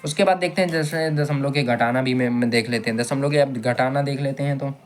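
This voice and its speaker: A man's voice: mid-range voice, a little fast, a little hiss or hum. A man teaching a maths lesson step by step, patiently repeating each step and asking his students questions. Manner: patient, repeats steps and asks the class questions.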